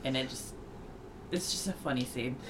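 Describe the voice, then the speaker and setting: A co-host on a casual podcast reacts to a film with short agreeing replies and gushing praise. The voice sits at an ordinary middle pitch, and the talk is loose and chatty. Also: moderate pace, a bit bright, a little hiss or hum.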